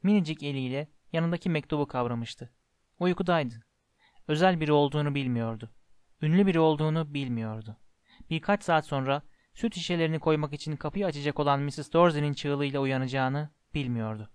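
A man narrating a storybook in a measured way, slowing down for the descriptive passages. His voice sits a bit high for a man. The recording is dry and close. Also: smooth, no room sound. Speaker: audiobook narrator.

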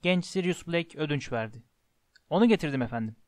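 A man voicing a huge, gentle giant who is deferential and stammers when upset. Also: a little high, lively intonation, brisk, no echo, studio quality, lightly acted. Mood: respectful.

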